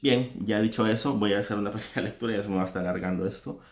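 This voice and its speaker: Low-voiced man musing on songwriting. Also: racing. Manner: reflective, explaining step by step. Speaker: songwriter and singer. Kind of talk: casual spoken reflection on songwriting. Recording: echoey room.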